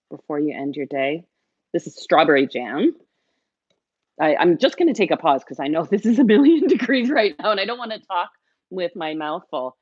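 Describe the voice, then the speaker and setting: A middle-aged woman with a lowish voice hosts a live baking show from her kitchen, chatting and cheering on viewers as she works. She is talkative and encouraging and addresses the audience directly. The sound is lo-fi, with no echo.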